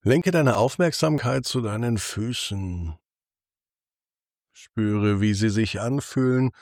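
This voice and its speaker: A deep, gravelly male voice leads a bedtime relaxation. He speaks in a soothing, hushed manner, leaving long pauses between instructions. The sound is close and dry over faint music. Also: dry recording. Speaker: sleep podcast host and guide. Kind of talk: guided sleep meditation narration.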